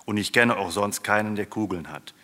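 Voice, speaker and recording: A man's voice: lowish voice, brisk, pushed and bright. A man doing a grumpy pike. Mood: grouchy. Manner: grouchy, objecting. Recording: long hall reverb.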